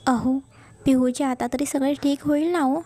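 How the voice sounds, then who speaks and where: A woman's voice: high-pitched, steady tone, moderate pace, mellow, natural voice. Woman voicing a caring, bossy mother. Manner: affectionate, scolding. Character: caring middle-aged mother, warm and bossy. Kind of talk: storybook narration.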